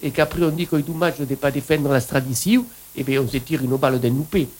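A man's voice: mid-range voice, quick pace, darkish tone, rough recording. A man with a southwestern French accent hosting a casual radio chat. He rambles enthusiastically and mixes in regional words. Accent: southwestern French, Occitan-tinged. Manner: rambling, enthusiastic, switches between French and Occitan. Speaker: radio host.

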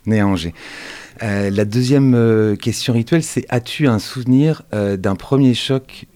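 A man's voice: medium pitch, moderate pace, dark tone, no room sound. A man hosting an interview, asking meandering questions full of fillers and hesitations. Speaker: interviewer host.

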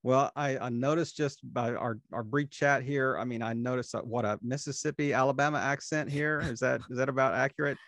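A male podcast host with a gravelly, fry-tinged voice. He talks in a halting, casual way, restarting and repeating words. The recording is dry and close. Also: mid-range voice, steady tone, fairly bright tone, dry recording. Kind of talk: casual interview talk.

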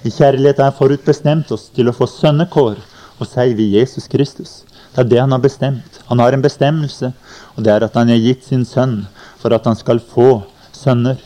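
A man's voice: medium pitch, dark tone. Man preaching on old cassette tape. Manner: plain teaching tone with scripture quotes and "ikke sant". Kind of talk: sermon. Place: summer convention meeting. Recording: 1990 cassette recording, uneven quality.

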